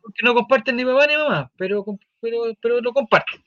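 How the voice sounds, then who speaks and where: A Chilean man hosting a casual talk show, animated and swearing as he tells a story. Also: extremely high pitch, fast talker, no room sound, dull audio.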